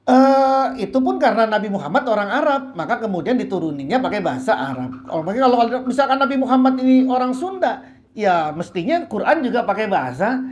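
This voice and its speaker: A woman's voice: fairly high pitch, a little mellow. Woman teaching a kitab study, echoey. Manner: reads Arabic phrase by phrase and explains casually. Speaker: religious teacher. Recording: roomy echo with faint hiss.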